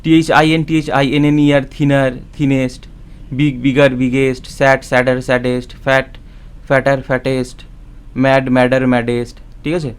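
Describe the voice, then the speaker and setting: A man's voice: mid-range voice, little pitch movement, a little fast, clear, resonant tone. Man explaining spelling rules patiently. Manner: explains patiently, often checks with "right?", spells words out letter by letter. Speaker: English teacher. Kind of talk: spoken grammar lesson.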